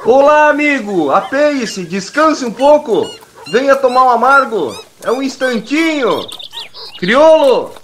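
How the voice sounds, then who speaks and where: Brief: man voicing an old host, talkative and stubborn, unhurried. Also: very animated, a bit bright, a little hiss or hum, exaggerated voice. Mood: insistent. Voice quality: high, hearty calling voice. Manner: insistent, booming orders. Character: chatty old gaucho ranch host, stubborn, hospitable.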